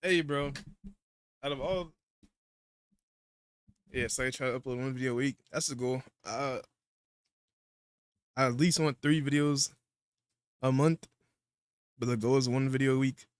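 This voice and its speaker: A man's voice: mid-range voice, fairly even intonation, measured pace, pauses often, clear, resonant tone, no room sound. Laid-back man chatting while eating. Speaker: livestream guest. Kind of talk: casual livestream chat.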